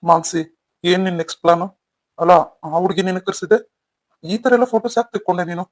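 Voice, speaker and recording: Cartoon young man, doubtful and probing, voiced by an actor; quick, dry. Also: mid-range voice, dry recording, natural voice. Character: young man, questioning a villain's accomplice. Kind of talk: cartoon story voice acting.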